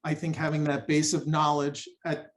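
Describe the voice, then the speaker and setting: Man, podcast host, enthusiastic, affirming, somewhat high voice. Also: monotone, moderate pace. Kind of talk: podcast conversation.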